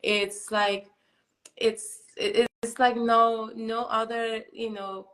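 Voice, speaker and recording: A woman's voice: fairly high pitch, little pitch movement, slow, a bit bright. A woman in her forties from Mexico, hosting a live video chat in a casual, rambling way, filling her talk with "you know" and "like". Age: 40s. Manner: chatty, many fillers like "you know" and "like". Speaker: live stream host.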